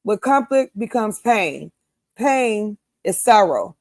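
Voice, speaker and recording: A woman in her fifties hosting a casual group chat, emphatic and quick to laugh. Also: mid-range voice, dry recording, clean studio sound. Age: 50s. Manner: animated, emphatic, laughs easily. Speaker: host.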